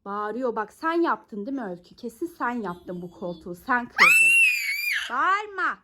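A woman's voice: a little high, normal speed, shouting, very noisy. A woman vlogger playfully scolding and questioning a child, firing question after question. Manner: mock-scolding, questioning, animated.

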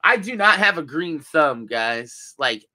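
A young man streaming live, his voice still groggy from just waking up. He rambles in a laid-back way and swears freely while answering chat, and his tone is bright but unhurried. The desk mic sounds close and dry. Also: a little high, sing-song, dry recording. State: groggy morning voice.

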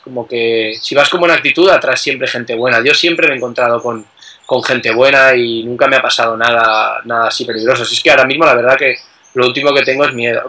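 A man chatting casually as a guest about travel, relaxed, with many fillers and tag questions. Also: medium pitch, poor audio. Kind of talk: casual conversation.

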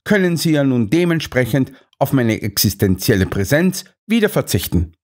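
A man's voice: mid-range voice, big pitch swings, normal speed, a little mellow, voice pushed up. A man voicing an earnest, indignant doctor companion in an audiobook. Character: earnest, put-upon male doctor companion.

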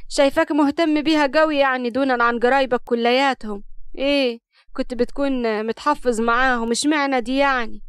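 A woman voicing a sharp-tongued young wife with an Upper Egyptian accent, cutting and irritated. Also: high-pitched, steady tone, fairly quick, clear, resonant tone, no echo, clean studio sound, close to an everyday voice. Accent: Upper Egyptian Arabic.

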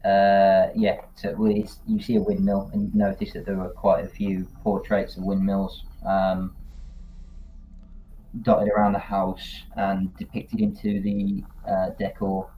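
Man, game master, deep monotone, phone-like voice-chat audio. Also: a little slow. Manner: steady descriptive narration with fillers. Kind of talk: narrating a tabletop game over voice chat. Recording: tinny voice-chat audio, faint noise.

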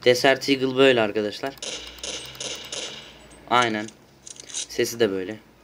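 Excitable swearing man yelling over gameplay. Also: mid-range voice, moderate pace, background noise. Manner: shouty, excitable, swears a lot. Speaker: gaming YouTuber. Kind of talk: loud gameplay commentary. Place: at home.

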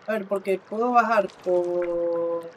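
A man giving casual live commentary while he plays, talking to the game character and to his viewers, swinging between exclamations and low muttering. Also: steady tone, takes it slowly, a little hiss or hum. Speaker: streamer.

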